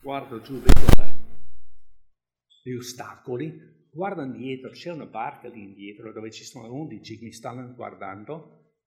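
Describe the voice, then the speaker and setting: A man's voice: medium pitch, moderate pace, darkish tone. Man preaching in a chatty, chuckling way. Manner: conversational, chuckles often, many restarts. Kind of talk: informal sermon with Bible reading.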